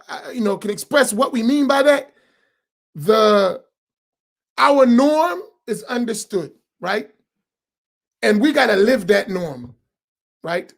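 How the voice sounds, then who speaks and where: A man, an imam, talking casually and animatedly on a live roundtable stream, joking and preaching in slangy everyday speech. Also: very high-pitched. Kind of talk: casual livestream talk.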